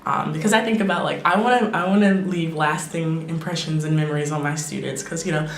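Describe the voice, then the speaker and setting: A young woman in her twenties, an English teacher, chatting casually to her camera vlog with lots of fillers and quick laughs. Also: deep voice. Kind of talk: casual talking-head vlog. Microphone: camera microphone. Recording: echoey room with faint noise.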